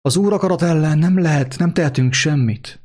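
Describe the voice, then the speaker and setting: A man's voice: on the high side, darkish tone, voice pushed up, natural voice. A man reading aloud and voicing a pious priest who mutters and grumbles in resignation. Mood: resigned. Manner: mumbling, grumbling. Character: pious, resigned male priest, middle-aged.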